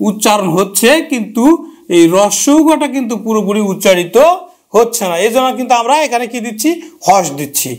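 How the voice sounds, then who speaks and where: A man teaching a grammar lesson who repeats key terms and asks and answers his own questions. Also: extremely high pitch.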